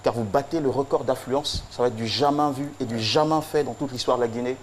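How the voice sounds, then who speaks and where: A man's voice: medium pitch, fairly quick. Guy reading out a big tribute, solemn and rhythmic, bit of hiss behind. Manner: solemn, rhythmic, with emphatic repetition. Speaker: tribute presenter. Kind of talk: declamatory tribute speech.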